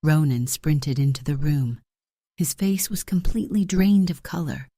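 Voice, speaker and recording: A male narrator reads a romance audiobook with steady, dramatic delivery. His tone is dark and mellow, and the recording is dry and close. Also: a little high, a little slow, no room sound.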